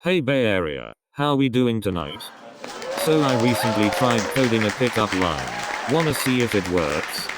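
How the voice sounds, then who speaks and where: A man doing a stand-up comedy routine, delivering deadpan one-liners one after another. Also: fairly low pitch, moderate pace, loud music behind the voice. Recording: crowd laughter in background. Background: audience laughter.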